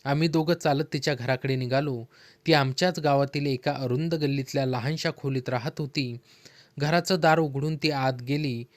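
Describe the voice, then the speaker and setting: A man reading a first-person story aloud in a calm, steady storytelling manner. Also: mid-range voice, normal speed, no echo.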